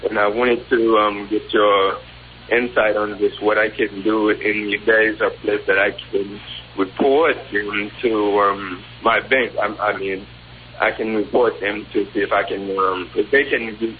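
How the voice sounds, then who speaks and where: A man's voice: on the low side, flat delivery, a little hiss or hum. Man on a muffled, underwater-sounding phone line. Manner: halting, many ums and restarts. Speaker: caller. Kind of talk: call-in radio question.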